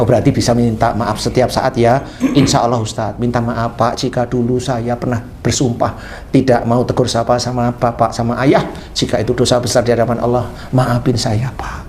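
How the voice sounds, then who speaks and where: A man preaching a slight touch, telling a story in a lively way. His voice is mid-pitched, and he acts out both sides of a conversation. Faint room noise sits behind him. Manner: animated, acts out dialogue with a patient. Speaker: Islamic preacher. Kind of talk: sermon storytelling.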